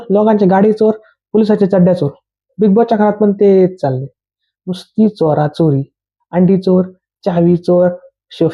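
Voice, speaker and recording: A man's voice: sits high, breathy edge, lo-fi sound. A man giving a blunt, slangy, exasperated casual rant reviewing a reality show episode.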